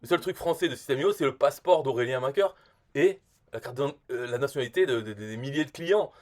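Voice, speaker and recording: Speaking quickly and expressively in a mid-range voice, a man rambles through a comic rant as a self-appointed marketing expert. Blunt and crude, he keeps restarting sentences while circling back to the same complaint.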